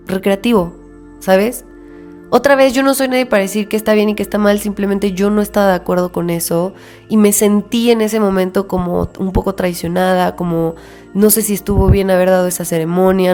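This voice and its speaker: A young adult woman with a Mexican accent, casually recounting a spiritual experience and acting out the dialogue, soft music behind her. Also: fairly low pitch, gravelly. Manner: reflective, animated retelling with quoted dialogue. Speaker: spiritual podcast host. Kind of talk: casual personal storytelling.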